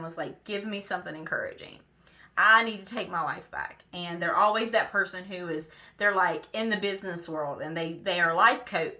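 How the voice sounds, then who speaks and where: A middle-aged woman, tearful and halting, speaking unscripted to friends in a personal video. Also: mid-range voice, bright, forceful tone. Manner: emotional, halting, many restarts and fillers. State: tearful, close to crying. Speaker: vlogger.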